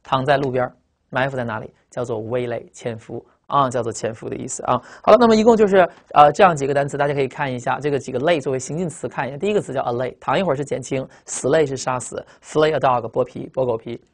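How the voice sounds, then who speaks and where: An English vocabulary teacher, lecturing in an emphatic way and trailing phrases with drawn-out particles. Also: mid-range voice.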